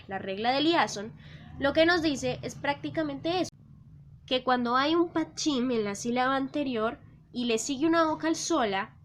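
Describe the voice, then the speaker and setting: A woman's voice: high-pitched, slight background noise. A young woman teaching an online language class, explaining rules patiently and checking in with her students. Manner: patient, repeats key points and checks in with "¿listo?".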